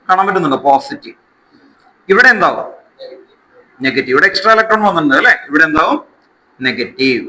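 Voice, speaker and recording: A man's voice: a little high, bright, forceful tone, slight background noise, poor audio. A man with a Malayali accent teaching a school lesson step by step, mixing Malayalam with English technical terms and repeating key words with check questions. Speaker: chemistry teacher.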